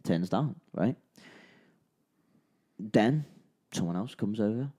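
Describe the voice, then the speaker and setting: Warm and slightly rough, his fairly low voice moves slowly with lively intonation. A young Liverpudlian musician with a Scouse accent, he co-hosts a podcast and spins a long, meandering story, repeating himself and starting over in casual storytelling chat.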